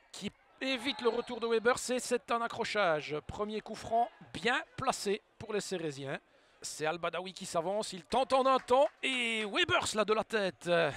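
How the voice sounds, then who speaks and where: High-pitched man, excited football commentary. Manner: swings from hushed build-up to loud exclamations.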